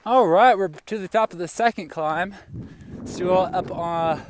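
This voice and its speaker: A man's voice: high-pitched, a little slow. A man talking casually to his camera while hiking a mountain trail, rambling with lots of fillers, outdoors with rain and hail around him. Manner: relaxed, rambling, with many fillers. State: a little out of breath. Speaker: thru-hiker vlogger. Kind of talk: casual trail vlog narration. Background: light rain, wind and hail.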